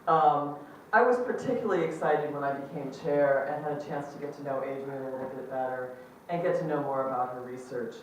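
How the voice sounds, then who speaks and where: A department chair gives an upbeat welcome speech at a ceremony, speaking a little fast in a bass voice with frequent ums. Her amplified mic is picked up from far off in a large, very echoey lecture hall, with slight background noise.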